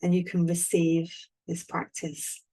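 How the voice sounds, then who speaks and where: Over poor audio, a woman with a slightly low-pitched voice guides a relaxation meditation. Calm and soothing, she leaves unhurried pauses between her gentle instructions.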